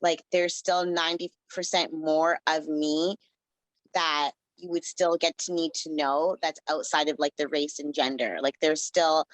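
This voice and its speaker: A woman's voice: low voice, fairly even intonation, a little slow, no echo, low-quality recording. A woman from the Caribbean, a writer, talking as a guest in a casual interview, rambling with lots of "like" fillers. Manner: rambling, heavy use of "like" fillers.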